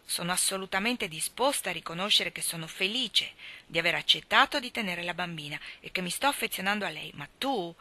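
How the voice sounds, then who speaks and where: A woman voicing a stern, no-nonsense older woman who brings up a child, speaking in a brisk, firm, scolding way. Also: lowish voice, expressive, sharp tone, full character voice.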